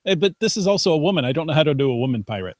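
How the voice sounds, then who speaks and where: Animated man, dry podcast mic. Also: on the high side, very fast, no room sound. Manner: chatty, reads news aloud with playful asides. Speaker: podcast co-host. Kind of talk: casual podcast chat. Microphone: video call.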